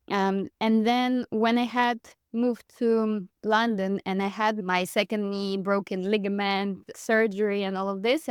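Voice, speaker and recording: Appearing as an interview guest, a Moscow-born woman in her thirties who teaches dance speaks with a Russian accent in a smooth, medium-pitched voice. She is chatty, laughs a lot as she shares her story, and uses "like" often. There is no echo, and the studio sound is clean.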